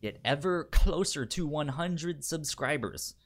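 With a high-leaning, animated voice, a man co-hosts a podcast in casual conversation, halting often as he stutters on the opening sounds of words and repeats syllables and words.

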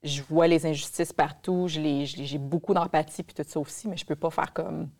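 Low mellow Québécois woman, reflective. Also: steady tone, brisk, vocal fry. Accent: Québécois French. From Quebec. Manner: reflective, candid, with frequent fillers. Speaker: podcast guest. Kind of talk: casual podcast conversation.

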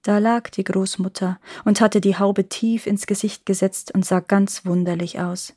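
Calm woman reading a fairy tale. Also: mid-range voice, unhurried, no room sound, clean studio sound. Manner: calm, clear storytelling. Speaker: storyteller.

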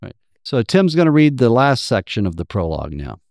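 Halting male interviewer, dry close sound. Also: mid-range voice, big pitch swings, darkish tone, no echo. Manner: halting, rephrases as he goes. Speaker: interviewer, moderator. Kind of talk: casual interview.

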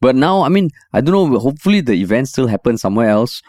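A man's voice: mid-range voice, very animated, fast, a little mellow, no room sound, studio quality. A man with a Singaporean accent chatting casually as a podcast co-host, using Singlish slang.

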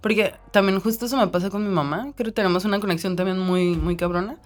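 A woman host with a Mexican accent, chatting casually and telling stories with lively acted-out quotes. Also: medium pitch, quick pace. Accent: Mexican Spanish. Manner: lively storyteller, acts out quoted voices. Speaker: podcast host. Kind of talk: casual chat.

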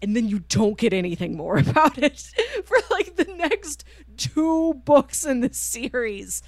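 This manga show co-host has a fairly high, very animated voice at a measured pace, caught in a dry recording. During a casual book discussion full of spoilers, she retells a story chattily and acts out the characters' dialogue.

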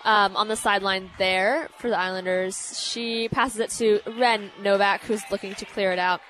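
A woman's voice: mid-range voice, steady tone, normal speed, fairly bright tone, a little hiss or hum, poor audio. A teenage girl from San Francisco doing chatty, giggly play-by-play commentary for a student broadcast. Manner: chatty, giggly, many fillers.

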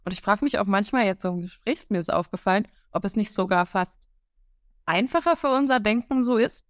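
Woman co-host, reflective and hesitant, mid-pitched voice, close dry recording. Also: lively intonation, a little fast, dry recording. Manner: thoughtful, searching for words with frequent fillers. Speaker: podcast co-host. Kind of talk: casual chat.

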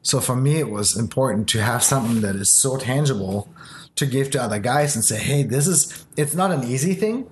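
A man born in Japan and raised in Germany, speaking English as his third language and sharing a halting, earnest testimony in casual conversation. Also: medium pitch, animated, a little hiss or hum. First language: not English.

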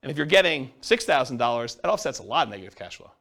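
A man's voice: medium pitch, very animated, fast talker, vocal fry, fairly bright tone. A man teaching a class, explaining step by step and asking the class questions. He says he is losing his voice. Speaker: real estate instructor.

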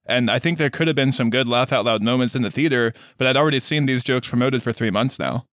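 A man's voice: mid-range voice, fast, a bit bright, no room sound, clean studio sound. A man co-hosting a casual film review, speaking in a blunt, opinionated way. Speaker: podcast co-host.

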